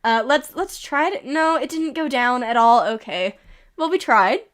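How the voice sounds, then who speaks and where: While streaming a game, a slightly ill woman coughs occasionally as she reads out events, chuckling and tossing in amused asides. She has a high voice with lively intonation.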